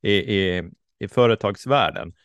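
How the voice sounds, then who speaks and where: A man's voice: lowish voice, fairly bright tone, no echo, studio quality. A man hosting an interview, reflective and casual, often giving short acknowledgements. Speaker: interview host. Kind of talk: casual conversation.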